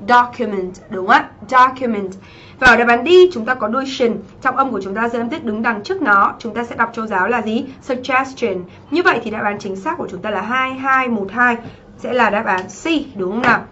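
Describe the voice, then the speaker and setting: A woman English teacher from Vietnam going over exam answers in a livestream, lively and often checking that students follow. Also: fairly high pitch, fast talker, muffled recording, slight background noise. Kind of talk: livestream exam review lesson.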